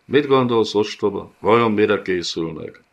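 A man's voice: on the low side, animated, pitched above the performer's own voice. Man voicing a hissing cruel monster lord. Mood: menacing. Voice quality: hissing, thundering. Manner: scornful, domineering. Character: cruel clawed male monster lord, menacing. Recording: dull lo-fi audiobook recording.

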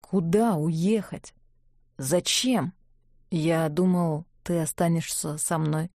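A woman voicing a tender older man, a powerful inquisitor, who speaks softly and gently. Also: on the low side, slow pace, no echo, clean studio sound. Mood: quiet. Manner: soft-spoken, gentle.

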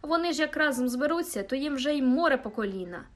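A woman voicing a bitter, wry older male church musician who speaks slowly in a sardonic, mournful way. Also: high-pitched, expressive.

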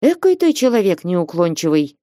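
A woman's voice: lowish voice, very animated, moderate pace, mellow, no room sound, studio quality. A woman voicing an older male godfather who coaxes and insists in an audiobook. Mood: coaxing. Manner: coaxing, insistent. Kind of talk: audiobook reading.

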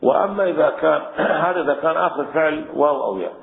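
A man's voice: on the high side, animated, racing, creaky. A man teaching classical Arabic grammar, explaining patiently step by step with many fillers. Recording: echoey room on a tinny lo-fi line.

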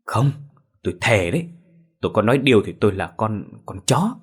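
A pompous but cowardly old village chief pleads in a low, husky voice, as a male storyteller plays him. His pitch rises and falls in lively swings. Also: fairly quick. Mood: pleading. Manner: frightened, pleading, mutters.

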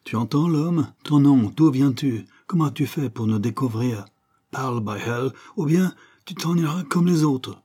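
A man's voice: medium pitch, animated, measured pace, mellow, slightly rough, pitched above the performer's own voice. A man voicing a menacing male crook with an English accent, sarcastic and threatening, in an audiobook.

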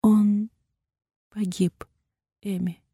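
A woman voicing a kind nurse who speaks softly and soothingly to a distraught patient. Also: mid-range voice, little pitch movement, extremely slow, slightly rough, no echo, clean studio sound, voice pushed up, heavily acted. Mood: soothing, sorrowful. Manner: soft, soothing, hushed. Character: caring nurse sister, gentle and sorrowful.

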